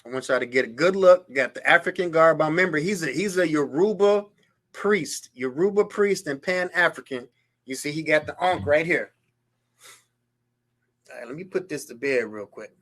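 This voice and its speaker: A man with a fairly high, fairly bright voice hosts a history show at a normal speed. He reads a biography aloud and breaks off into incredulous, mocking commentary on clips.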